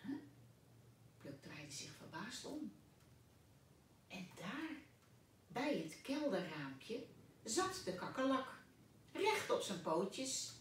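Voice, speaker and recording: A woman teacher reading a children's story aloud in an expressive, gentle storytelling manner. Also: mid-range voice, slow pace, pauses often, slight background noise. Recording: echoey room, distant mic.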